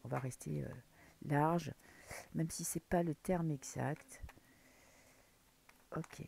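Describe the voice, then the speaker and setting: A tarot reader from France gives a casual reading to camera, musing aloud as she draws cards and now and then dropping to a whisper. Her voice is low-pitched, slow, gravelly, and mellow with a steady tone, plus a little hiss or hum.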